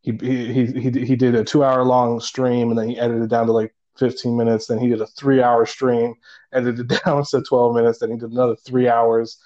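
A man chats about games in a loose, rambling way, swearing freely and breaking into laughs. His voice sits at an ordinary middle pitch. He comes through a remote call. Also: level tone, fairly quick, warm tone, dull audio. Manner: rambling, profane, laughs often. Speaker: podcast co-host. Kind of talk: casual gaming chat. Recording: call audio, at times garbled.

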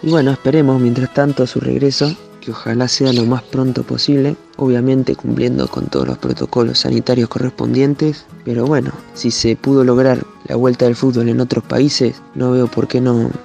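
A man's voice: medium pitch, normal speed, gravelly, hardly any pauses, a little mellow, highs cut off, soft background music. A young man with an Argentine accent giving an earnest, conversational comment as a radio guest. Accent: Argentine Spanish.

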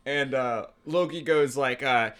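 A man's voice: medium pitch, unhurried, fairly bright tone, clear, resonant tone. A man narrating an improvised story as game master, rambling with lots of fillers.

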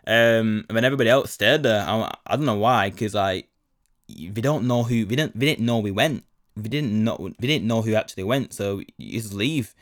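Speaking at normal speed in a lowish voice, a young man hosts his podcast with a casual, rambling solo story stuffed with slang, fillers, and "do you know what I mean." Clean studio sound, no room sound.

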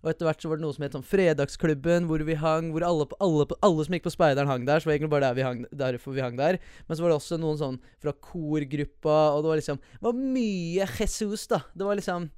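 A man's voice: fairly high pitch, hardly any pauses, darkish tone, smooth, no room sound, clean studio sound. A young man telling a personal story in a casual, profane way, slipping English slang into his sentences. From USA and Norway. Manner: profane, slangy, mixes English words into Norwegian.

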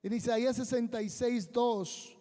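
Male preacher, high voice, unhurried emphatic sermon delivery, reverberant hall. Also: steady tone, dark tone, faint music behind. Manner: slow, emphatic preaching with drawn-out phrases. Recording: long reverb of a large hall.

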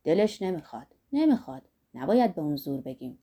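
A woman voicing a rough, lusty old man who talks bluntly and boastfully about life and age. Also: sits low, sing-song, warm tone, voice pushed down, full character voice. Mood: coaxing.

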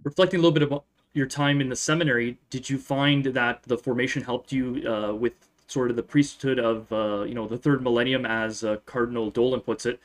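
A man who is a priest hosts an interview show. His voice sits at an ordinary middle pitch. He asks questions in a friendly, conversational way. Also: steady tone, brisk. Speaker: priest and program host. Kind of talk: interview hosting.

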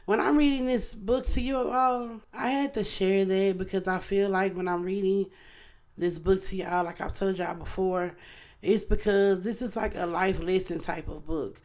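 An earnest woman speaking to her viewers in a relaxed, personal way. She talks at a middling pitch and keeps checking in with her audience. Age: adult parent. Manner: earnest, chatty, often asks "you know what I'm saying". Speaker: online show host. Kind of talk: casual heartfelt talk to viewers.

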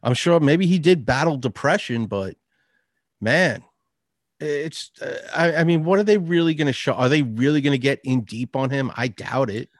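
A man's voice: mid-range voice, moderate pace, no echo, clean studio sound. A man from New York co-hosting a podcast, chatting casually, blunt and swearing freely. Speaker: podcast co-host. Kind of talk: casual chat.

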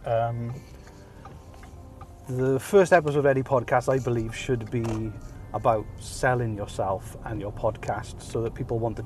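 A man's voice: medium pitch, darkish tone. A Welsh man in his thirties hosts a casual, jokey podcast with many ums, recorded on a hands-free kit while he drives his car. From Wales. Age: 30s. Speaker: podcast host. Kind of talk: casual self-deprecating monologue. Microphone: phone hands-free kit.

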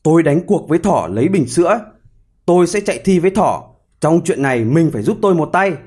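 A man voicing a clever male hedgehog in a storybook tale, speaking briskly and matter-of-factly. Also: a little high, lively intonation, a little mellow, breathy edge. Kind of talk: storybook character voice.

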